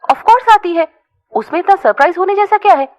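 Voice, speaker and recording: A woman's voice: very high voice, lively intonation, a little fast, voice pushed up. A woman voicing a bubbly, talkative young woman who scolds and fusses. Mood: scolding. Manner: chatty, scolding. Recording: dull lo-fi recording.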